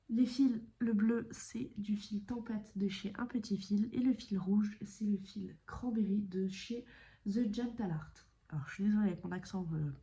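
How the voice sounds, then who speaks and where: A woman chatting casually about her cross-stitch work, her voice mellow and unhurried. She rambles with fillers and self-corrections, and now and then drops to a soft whisper. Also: mid-range voice. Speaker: cross-stitch video creator. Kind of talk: casual chat showing stitching projects.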